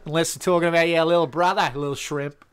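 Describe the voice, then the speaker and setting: A man co-hosting a casual movie commentary podcast, joking and teasing in quick bursts. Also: fairly high pitch, fairly even intonation, smooth. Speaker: podcast co-host.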